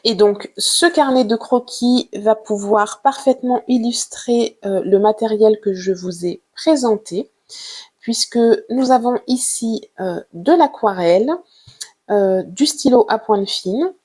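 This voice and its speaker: Slow, hesitant woman vlogger. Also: on the high side. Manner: hesitant, with frequent "euh" fillers; unhurried and gentle. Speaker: art vlogger. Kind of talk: casual show-and-tell about drawing supplies.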